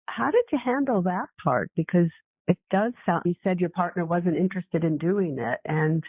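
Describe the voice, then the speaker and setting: A woman's voice: lowish voice, dry recording. A woman hosting a radio interview, asking thoughtful, empathetic questions. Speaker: radio show host. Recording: dry, phone-like line.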